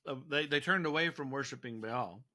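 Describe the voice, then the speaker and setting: A man teaching scripture on a devotional podcast, talking in an animated way and often repeating and restarting words. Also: mid-range voice, fairly quick.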